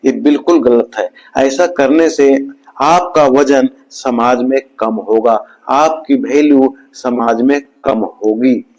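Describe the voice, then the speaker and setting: A man giving a scripted motivational talk in a slow, measured way, with his voice dropping low at the end of each point. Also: a little mellow, low-quality recording. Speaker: motivational speaker.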